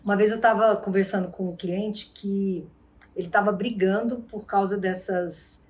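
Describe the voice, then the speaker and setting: A woman hosting a vlog and giving advice on arguments, telling stories with lively acted-out quotes. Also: mid-range voice, moderate pace. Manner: animated storyteller, acts out quotes. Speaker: vlog host and relationship advisor. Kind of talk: casual advice talk.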